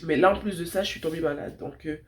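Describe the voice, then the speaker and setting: A woman's voice: deep voice, fast talker, a little mellow. A woman with a blocked, sniffly nose and a nasal voice chats casually and affectionately to viewers as a tarot reader giving spiritual guidance. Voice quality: congested, nasal. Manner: informal, affectionate address to viewers.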